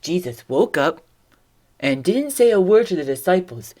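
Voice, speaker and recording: A young woman teaching a children's Bible lesson, telling the story in an expressive, animated way. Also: on the low side, normal speed.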